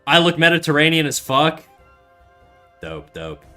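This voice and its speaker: Soft music plays behind a young Canadian man who streams his art and reads chat aloud in a rambling, casual way. He swears often and keeps restarting and using fillers, his voice on the high side, very animated, unhurried, and sharp.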